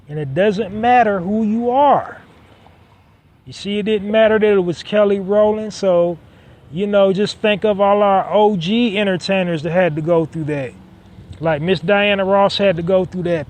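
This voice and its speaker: A man hosting a solo podcast in a conversational tone, repeating points for emphasis and often pausing on "um". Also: sits high, darkish tone, slight background noise. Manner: conversational, emphatic repetition, frequent "um" fillers. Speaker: podcast host.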